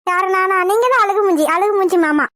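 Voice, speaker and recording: A woman's voice: very high voice, quick pace, a bit bright, no echo, studio quality. A woman voicing a young, devoted wife in a cartoon, affectionate, pleading and playfully scolding. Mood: teasing. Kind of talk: cartoon voice acting.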